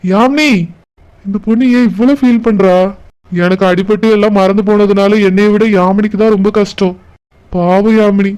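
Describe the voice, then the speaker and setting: A gentle, confused young man who has lost his memory, voiced by a man in a cartoon. His voice is high and smooth, with a Kanyakumari Tamil accent, and he muses softly aloud. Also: close to an everyday voice. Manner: soft, pleading, musing aloud. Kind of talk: cartoon voice acting.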